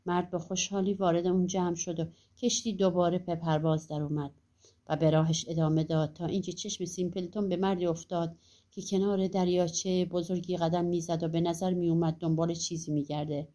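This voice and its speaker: A woman narrating a fairy-tale audiobook in a calm, even storytelling manner. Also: on the low side.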